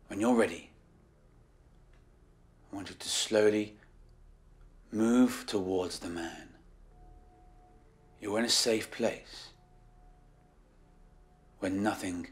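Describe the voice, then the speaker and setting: Man as a hypnotist, low voice, slow soothing delivery, formal.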